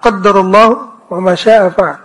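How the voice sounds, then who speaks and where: A man teaching a commentary lesson on scripture, answering questions in a casual way, repeating words and reciting verses slowly. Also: a bit bright, rough recording. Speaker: Islamic teacher.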